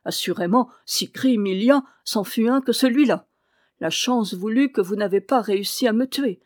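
A woman's voice: a little high, normal speed, dry recording, clean studio sound, natural voice. A woman reading aloud as a sly, mocking old man who talks back boldly to his accusers. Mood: accusing. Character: sly old male wandering sage, mocking and bold.

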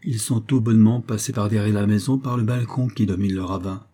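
A man's voice: fairly low pitch, fairly even intonation, brisk, warm tone, lightly acted. A man voicing a confident adult male chief mountain guide in a read-aloud story, explaining things in a practical, reassuring way. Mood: earnest.

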